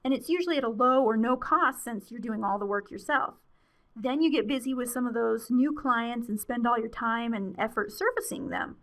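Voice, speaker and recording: A woman's voice: fairly high pitch, moderate pace. A woman presenting a webinar in a friendly, conversational way with frequent fillers, her voice wearing out. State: losing her voice.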